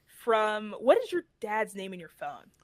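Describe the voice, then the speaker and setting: A woman's voice: medium pitch, very animated, unhurried, no echo. A woman narrating as the game master of a tabletop game, casual and giggly.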